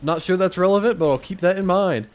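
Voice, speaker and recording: A man's voice: high voice, fast, lo-fi sound. A man casting an esports match as play-by-play commentator, joking and laughing between calls. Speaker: esports caster.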